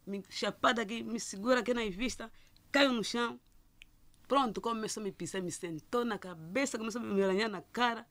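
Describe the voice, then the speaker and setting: A middle-aged woman gives a personal testimony as a listener, halting and often restarting and repeating words. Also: fairly high pitch, fairly bright tone, no room sound. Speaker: listener telling her story.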